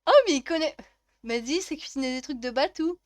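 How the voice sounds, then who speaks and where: Une jeune streameuse à la voix haute et claire commente sa partie en bavardant, pleine de rires et de taquineries envers les personnages. Le son est sec et proche, sans résonance de pièce. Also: female voice, high-pitched, brisk, no echo. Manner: chatty, laughs often, teasing the game characters. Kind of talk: casual let's-play commentary.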